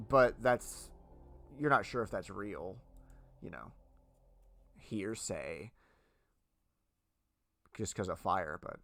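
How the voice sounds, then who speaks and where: Male game master, average pitch, informal and matter-of-fact lore explainer, soft music underneath.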